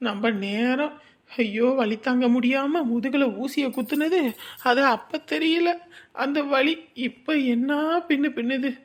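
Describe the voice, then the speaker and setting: A woman acts out a worn-out young mother muttering to herself in a village drama. Her voice is slightly high, and she grumbles and sighs through her complaints. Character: weary young mother with back pain. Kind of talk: village family drama monologue.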